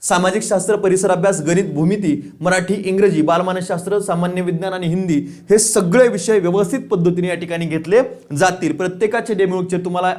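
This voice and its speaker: A man teaches an online exam-prep lesson, asking questions and answering them himself, repeating key points and saying "lakshat theva." He's casual, teasing students and chuckling now and then. His voice is high-pitched, steady and darkish, at a quick pace with few pauses.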